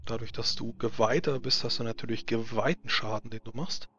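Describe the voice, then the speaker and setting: A man's voice: medium pitch, steady tone, fairly quick, sharp tone. A man narrating a tabletop role-playing game as game master, searching for his descriptions. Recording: slightly muffled mic with faint noise.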